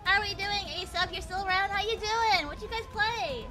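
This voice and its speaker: A woman's voice: extremely high pitch, a little fast, over music. A woman VTuber with a cute, bubbly anime streamer voice, chatting sweetly and politely on a live game stream.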